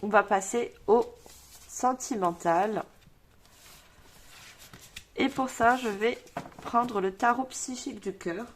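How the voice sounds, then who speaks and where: Woman, tarot reader, rambling delivery with lots of fillers, mid-pitched, everyday voice. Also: slow pace, long pauses, a little hiss or hum. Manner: rambling, fillers and self-repeats, reads cards aloud. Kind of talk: tarot reading video.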